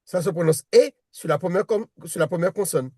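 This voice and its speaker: A man's voice: high voice, fairly quick, a little mellow, husky, no echo, clean studio sound. A man teaching a one-on-one reading lesson, patient and repetitive, often restarting his sentences. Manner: patient, repeats himself, many restarts.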